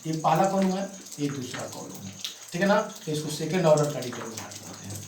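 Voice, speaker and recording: A man's voice: on the high side, big pitch swings, distant mic, background noise. A male maths teacher explains a lesson step by step, often checking in with his students. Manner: repeats check-ins to students, spells out steps slowly. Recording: echoey room, voice from off the mic.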